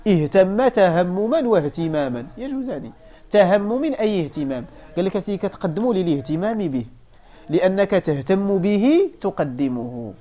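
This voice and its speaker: A man from Morocco with a Moroccan Arabic accent, a sheikh explaining a classical grammar and rhetoric text step by step, repeating examples slowly and asking his students questions back. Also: high-pitched, very animated, warm tone.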